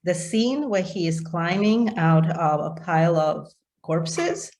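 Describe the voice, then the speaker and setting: A woman's voice: lowish voice, lively intonation, slow, darkish tone. A middle-aged woman leading an informal book discussion, enthusiastic, with many fillers and restarts. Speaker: literature discussion leader.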